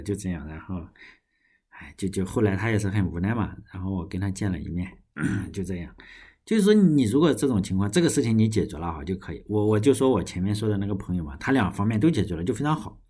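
Talking casually on his own podcast, a young man from China goes on at length, rambling, restarting often, and cursing at times. His voice is fairly low, mellow, with a breathy edge.

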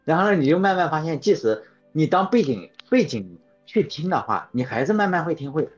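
Husky male host, animated delivery, casual rambling chat, dull lo-fi recording with faint music. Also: fairly high pitch, fairly quick. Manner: rambling, anecdotal, self-correcting.

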